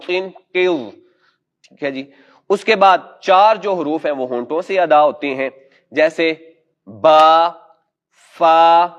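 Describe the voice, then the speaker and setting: A man teaching Quran recitation in a class. He patiently demonstrates each letter sound slowly and has it repeated back. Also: on the high side, dull audio. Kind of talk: classroom instruction.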